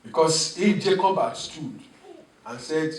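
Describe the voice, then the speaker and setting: During a sermon, a pastor with a voice a little high for a man preaches at a measured pace, animated and chuckling while calling for responses from his congregation. He sounds set back from the mic, recorded from a distance in an echoey church.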